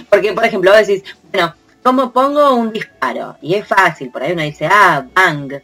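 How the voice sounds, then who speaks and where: A woman's voice: mid-range voice, sing-song, moderate pace, a bit bright, husky. A woman with a Rioplatense Spanish accent, hosting a casual podcast chat, playful and laughing often as she sounds out onomatopoeia. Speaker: podcast host.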